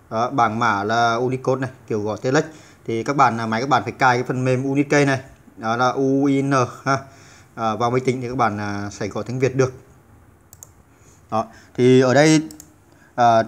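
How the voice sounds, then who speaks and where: Brief: male tutor, rapid delivery, halting with fillers, patient repeats, beginner computer lesson. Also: medium pitch. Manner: hesitant, many filler sounds and restarts. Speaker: channel host teaching computer basics.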